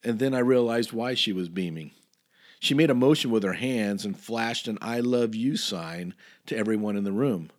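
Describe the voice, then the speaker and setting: A man's voice: on the low side, moderate pace. A man preaching a sermon through a personal story, in a folksy way with chuckles and many restarts.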